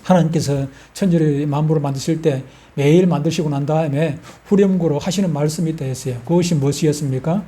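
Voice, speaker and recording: A man's voice: fairly high pitch, quick pace, few pauses, mellow. An older man, a pastor with a Gyeongsang accent, preaching a sermon in a folksy way and putting questions to the congregation. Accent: Gyeongsang Korean.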